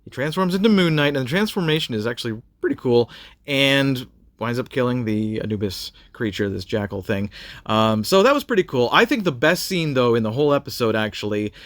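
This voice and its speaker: A man's voice: medium pitch, expressive, a little fast, fairly bright tone, no echo. A man giving a casual spoken review of a TV episode, rambling with many fillers and restarts.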